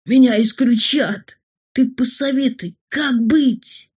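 A woman's voice: high-pitched, slow, darkish tone, slightly rough, pitched above the performer's own voice, exaggerated voice. A woman voicing a frightened teenage schoolboy who pleads close to tears. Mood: pleading.

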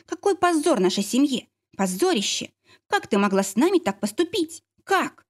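A woman voicing a stern, outraged werewolf mother who accuses and shouts, in an audiobook reading. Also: medium pitch, very animated, moderate pace, breathy edge.

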